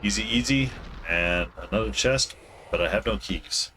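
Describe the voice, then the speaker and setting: A man's voice: on the low side, normal speed, sharp tone, a little hiss or hum. A man streaming a video game from home, rambling casually and correcting himself as he plays. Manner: rambling, mumbling, self-correcting. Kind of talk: casual gameplay commentary.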